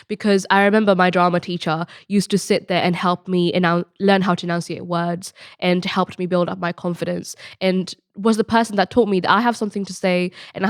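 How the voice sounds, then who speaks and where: A woman's voice: lowish voice, clear, resonant tone, no room sound, studio quality. A young woman of eighteen, born in Bangladesh and raised in Spain, earnestly telling her story as a podcast guest, with many restarts and ums. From born in Bangladesh, grew up in Spain. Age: late teens. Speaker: podcast guest, student mentor. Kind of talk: podcast interview, personal story.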